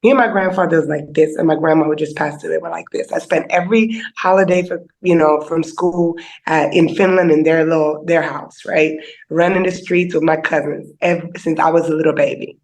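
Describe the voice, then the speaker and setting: A woman's voice: low-pitched, fairly even intonation, a little fast, darkish tone, poor audio. A woman speaking as a podcast guest, telling a personal story in a candid, conversational way, a little teary and emotional. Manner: candid and conversational, heavy on fillers like "you know".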